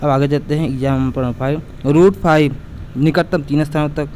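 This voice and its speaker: Math teacher guy, slightly high voice, goes over steps again and again, bit of street noise. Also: steady tone, moderate pace, darkish tone. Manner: patient, repetitive, addresses students as beta. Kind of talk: explaining math lesson to students.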